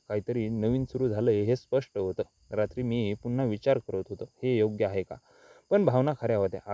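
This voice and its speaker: A man's voice: on the low side, mellow, no room sound. Male storyteller, scripted first-person narration, intimate and reflective, dry muffled recording.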